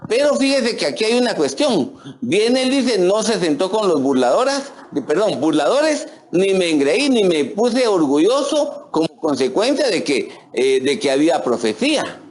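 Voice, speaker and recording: A middle-aged Guatemalan pastor preaching in a chatty, folksy way. His voice sits high for a man and swings up and down a lot, and he keeps calling out "hermano" to his listeners. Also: big pitch swings, normal speed. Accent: Guatemalan Spanish. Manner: folksy, addresses listeners as "hermano", many fillers and restarts. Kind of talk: conversational sermon.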